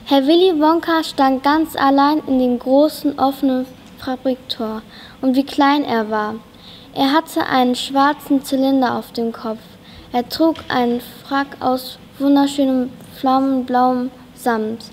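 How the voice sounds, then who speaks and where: Competition reader, high pitch, slow careful reading, long hall reverb. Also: female voice, steady tone, darkish tone, a little hiss or hum. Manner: careful reading with small slips and restarts. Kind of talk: reading a children's novel aloud.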